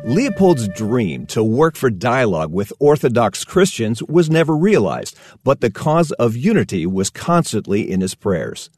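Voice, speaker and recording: Man, scripted narration, lively rising and falling pitch, dry close sound. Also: measured pace, hardly any pauses, dry recording, faint music behind.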